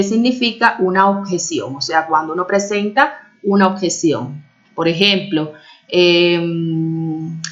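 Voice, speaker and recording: A woman teaching a recorded primary school lesson, explaining patiently and often checking for understanding. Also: mid-range voice. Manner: stretches out key words when stressing them. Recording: slightly dull lo-fi audio.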